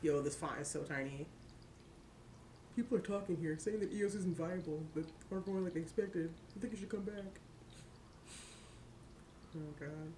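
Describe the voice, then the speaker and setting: A woman casually commenting while she plays a video game, chatty and quick to laugh. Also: on the low side, background noise. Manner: chatty, laughs often, talks to herself about the game. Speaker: streamer playing a video game. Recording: game music loud behind her.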